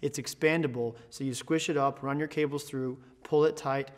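An American man in his thirties, a product education manager, presents an instructional product tutorial that is both explanatory and promotional. He speaks at a normal speed in a steady, mid-range voice. The setting is a large indoor school band room.

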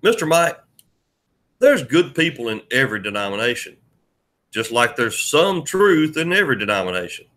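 A man's voice: mid-range voice, very animated, normal speed, pushed and bright. A man voicing an earnest, preacherly Bible-study friend who recites scripture firmly.

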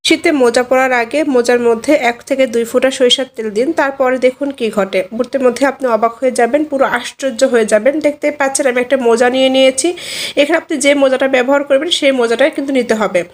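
A woman narrates a how-to vlog voice-over. Her voice sits high, and she walks the viewer through each step in a steady, explanatory way. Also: quick pace. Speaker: home tips vlogger. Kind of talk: instructional voice-over.

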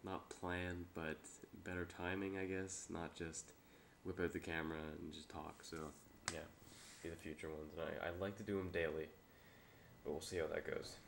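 A young man who is sick with a stuffy nose, giving a low-key, hesitant, rambling vlog update into a webcam. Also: little pitch movement, normal speed, vocal fry, background noise. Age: young adult. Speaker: vlogger and amateur filmmaker. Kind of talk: casual, unscripted update vlog. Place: small room indoors. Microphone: webcam or laptop mic at arm's length.

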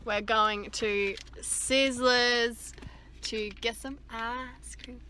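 A young woman chats straight into her phone camera, laughing easily and swearing as she goes. Her voice sits a touch high and rings bright. A faint hiss of background noise runs under the phone recording. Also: fairly even intonation, extremely slow. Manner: chatty, laughing, swears casually. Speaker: vlogger. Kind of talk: casual vlog chat.

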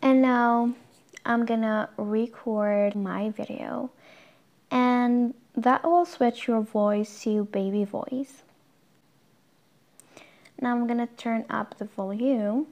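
Tutorial host, woman, slightly high voice, plain step-by-step instructions. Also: slow, pauses often, highs cut off. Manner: plain instructional, talks through each tap.

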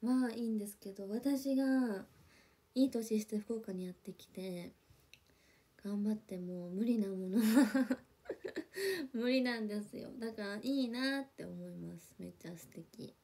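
A woman's voice: medium pitch, unhurried, dark tone, breathy edge. A young woman chatting casually on a livestream, reading viewer comments and gushing with lots of fillers, sometimes dropping to a whisper. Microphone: phone or webcam for a livestream.

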